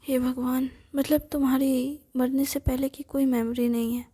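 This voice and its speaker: A woman voicing a nervous young man who mutters anxiously and chats with a ghost, in a breathy whispered role-play. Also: sits high, little pitch movement, normal speed, dark tone. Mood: puzzled. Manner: fretful, muttering to himself.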